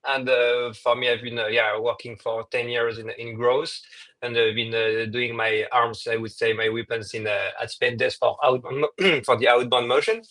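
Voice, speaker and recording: A man joins a webinar as a guest over a video call. His voice is bright and flat, and his speech is halting, with many fillers along the way. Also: medium pitch. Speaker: guest speaker. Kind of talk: webinar talk.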